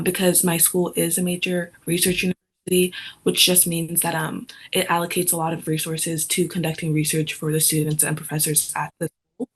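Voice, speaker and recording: A young woman answering as a student panelist on a video call, measured and dotted with frequent ums. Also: on the low side, breathy edge. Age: young adult. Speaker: incoming college student panelist.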